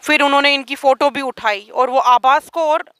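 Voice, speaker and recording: Woman, interviewee, aggrieved testimony, high-pitched, dry close sound. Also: fairly even intonation, moderate pace, sharp tone, no room sound. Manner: urgent, aggrieved. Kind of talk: emotional testimony.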